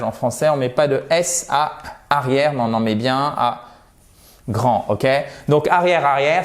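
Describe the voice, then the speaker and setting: A man teaching English vocabulary as a lesson to camera, repeating words slowly and chatting between pronunciation drills. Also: mid-range voice. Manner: slow, drawn-out pronunciation drills, chatty asides.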